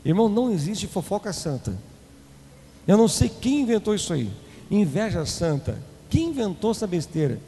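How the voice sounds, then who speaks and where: A man with a Brazilian Portuguese accent preaching a sermon as an apostle, swinging between loud declaiming and quick low asides to the congregation. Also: big pitch swings. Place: church hall. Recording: long hall reverb, faint room noise.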